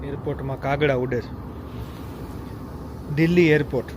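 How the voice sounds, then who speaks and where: A man's voice: medium pitch, steady tone, normal speed, background noise. A father talking casually in a family vlog, tender and coaxing with his child. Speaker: father vlogging family life.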